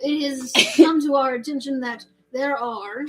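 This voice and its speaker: A woman's voice: high voice, steady tone, low-quality recording. A woman voicing a peg-legged male sea captain who stiffly addresses a town. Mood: proclaiming. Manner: stiff formal proclamation, halting.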